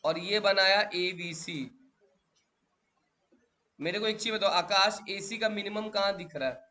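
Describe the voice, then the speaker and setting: Bright-voiced male teacher quizzing students. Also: high-pitched, measured pace. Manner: drills students with repeated questions, calls them beta. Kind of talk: classroom lecture.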